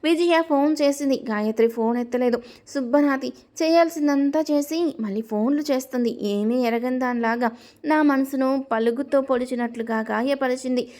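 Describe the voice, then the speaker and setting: A woman's voice: sits high, moderate pace, mellow. A woman narrating a serialized family drama story, reading every character's dialogue herself with little change of voice.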